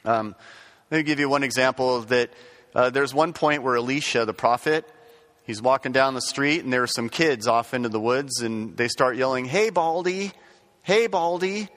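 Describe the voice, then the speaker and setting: Man, mid-pitched, casual Bible class teacher, folksy and rambling, with plenty of fillers, in a room with long reverb. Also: steady tone, moderate pace, a bit bright.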